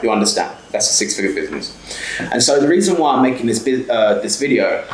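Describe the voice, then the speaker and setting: There's reverb, a little hiss or hum and generally poor audio as this South London mentor in his twenties, who runs a small business, gives a medium-pitched, heavily profane motivational talk to camera. He's blunt and keeps tossing in "okay?".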